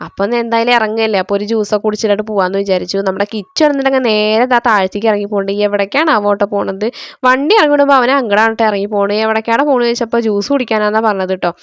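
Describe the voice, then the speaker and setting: Very fast, clear and resonant, a mid-range female voice narrates a family's day in a chatty vlog voice-over with no room sound. The speaker is a young mother from Kerala, India, who often says "you know," indoors near a busy road.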